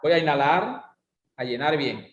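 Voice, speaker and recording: A man's voice: a little high, expressive, normal speed. Male voice coach lecturing, didactic, muffled roomy recording. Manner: didactic, asks rhetorical questions. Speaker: voice and speaking instructor. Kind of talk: online class lecture with exercises. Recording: roomy, dull lo-fi sound.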